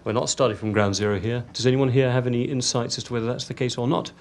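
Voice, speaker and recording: A man's voice: medium pitch, steady tone, fast. A man chairing a panel discussion, thinking aloud with fillers and inviting questions from the floor. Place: conference room.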